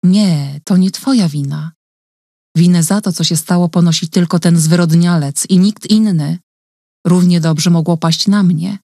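A woman voicing a gentle, caring woman who speaks softly and calmly in an audiobook reading. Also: on the low side, a little slow, dry recording, studio quality. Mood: soothing. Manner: soft, calm, reassuring.

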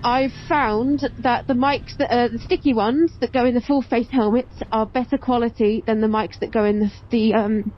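Riding a motorbike on open roads, a woman hosts her motovlog, chatting casually and explaining things in a voice on the high side. Her helmet intercom mic sounds muffled, with engine and road noise underneath.

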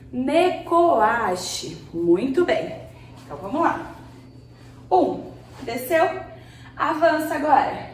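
A woman with a Brazilian Portuguese accent and a high voice teaches an online karate class, patiently encouraging her students while counting commands and calling out short shouts. She's off-mic in an echoey room, with a bit of hiss or hum on the recording.

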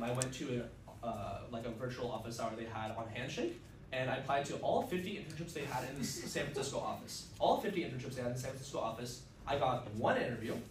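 A mid-sized indoor classroom is the setting, with a far camera on the other side of the room picking up a roomy, distant sound and faint ambient noise. There, a young adult man whose first language is Russian gives a casual, upbeat student club presentation, chatty and full of fillers, in a medium-pitched voice.

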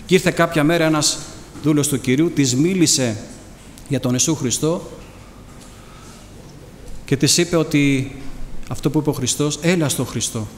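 A man's voice: a little high, pauses often. A middle-aged man preaching a sermon with personal testimony, fervent and full of rhetorical questions. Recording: echoey hall, faint background noise.

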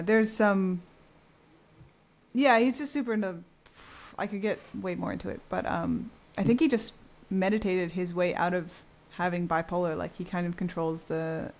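A woman hosting a podcast in casual conversation, relaxed and thoughtful, hedging often with filler words. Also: fairly low pitch. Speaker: podcast host.

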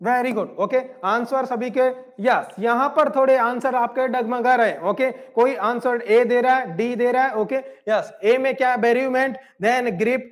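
A male teacher with an Indian accent giving a live exam-prep lecture, repeating points and checking in with "okay" and "clear". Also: extremely high pitch, fairly even intonation, measured pace, few pauses. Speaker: nursing exam coaching teacher.

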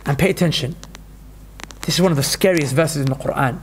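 A man's voice: fairly high pitch, fairly quick, slight background noise. A man giving an urgent, emphatic sermon, repeating points for stress. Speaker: preacher.

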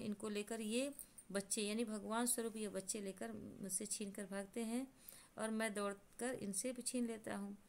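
Young woman teacher, mid pitch, talking a class through a story line by line. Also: darkish tone. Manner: retells and paraphrases lines, with many fillers. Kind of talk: explaining a Hindi lesson story.

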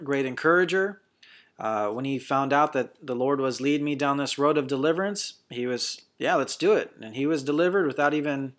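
A man preaching as a deliverance minister in a fervent, blunt monologue, swinging between quick bursts and slow, stressed lines. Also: a little high, fairly bright tone.

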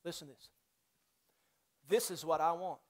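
Male pastor, high voice, fervent church sermon with big swings from shouted to hushed. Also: normal speed. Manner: builds to loud fervent preaching, then drops to soft, near-whispered intensity; repetitive call-and-response exhortation. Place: church sanctuary.

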